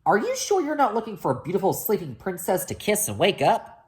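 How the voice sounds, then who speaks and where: A woman's voice: mid-range voice, wildly swooping pitch, brisk, a little mellow, slight background noise, pitched above the performer's own voice. A woman voicing a brusque, suspicious, threatening forest witch in a fairy tale storybook.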